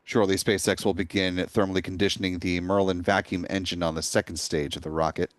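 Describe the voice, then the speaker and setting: A man's voice: low-pitched, flat delivery, a little fast. A man hosting a live launch webcast, explaining events in a composed way.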